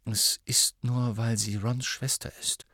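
A man voicing a troubled teenage boy muttering softly to himself. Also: mid-range voice, flat delivery, slow pace, no room sound, studio quality, heavily acted. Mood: brooding.

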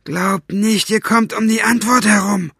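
A man reading aloud and voicing a brutal, bullying male henchman who barks contemptuous threats in a raised, higher voice. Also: steady tone, brisk, a bit bright, no room sound, studio quality. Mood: threatening.

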